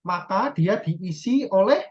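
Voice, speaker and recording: A woman's voice: medium pitch, expressive, takes it slowly, a little mellow. Woman lecturing, dull lo-fi recording. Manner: explains step by step, often checks "ya" and self-corrects.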